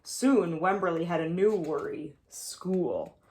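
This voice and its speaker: On the low side in pitch, a female preschool teacher reads aloud from a picture book for young kids, using expressive, carefully paced phrasing and emphasizing words.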